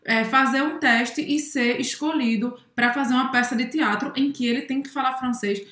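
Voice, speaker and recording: A woman teaching with a clear, didactic manner, her voice a touch higher than most. She slows right down to demonstrate French words, and the room around her sounds roomy and echoing. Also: a bit bright. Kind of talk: explanatory language lesson.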